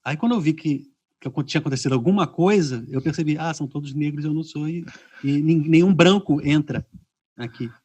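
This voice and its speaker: A Brazilian man with a Brazilian Portuguese accent hosts a podcast over a video call, telling stories casually. His voice is on the high side, brisk and husky, with no echo. He's an animated storyteller who acts out reactions.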